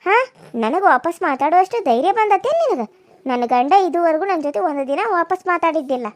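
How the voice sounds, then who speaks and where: A woman voicing a domineering older village mother-in-law, who scolds and taunts slowly. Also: very high-pitched, animated, no room sound. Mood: scolding. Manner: scolding, insulting, drawn-out taunts. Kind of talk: cartoon voice acting.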